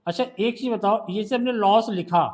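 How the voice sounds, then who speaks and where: A man's voice: sits high, brisk, a little mellow. A male shorthand teacher with a Hindi accent, patiently quizzing a student during one-on-one tutoring.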